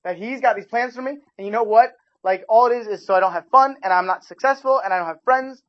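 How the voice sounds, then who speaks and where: Casual young preacher, lo-fi sound. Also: male voice, high voice, fast. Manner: casual, talks with his audience, animated asides. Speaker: youth pastor. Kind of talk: informal sermon. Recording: dull lo-fi recording.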